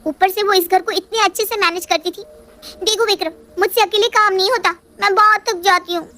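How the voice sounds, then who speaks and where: A woman's voice: very high voice, steady tone, brisk, pushed and bright, voice pushed up. A woman voicing a tired, upset young wife who pleads and complains in a storybook reading. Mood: pleading.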